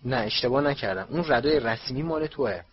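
A man voicing a fussy, bossy middle-aged mother witch who scolds her sons briskly. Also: medium pitch, expressive, husky, dull audio. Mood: scolding.

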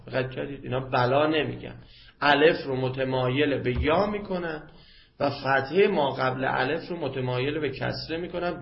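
A man teaching a seminary class on Arabic grammar. He draws quoted Arabic phrases out slowly and chants them, then talks quickly and casually to his students. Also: fairly high pitch, vocal fry. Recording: dull lo-fi classroom recording with faint noise.

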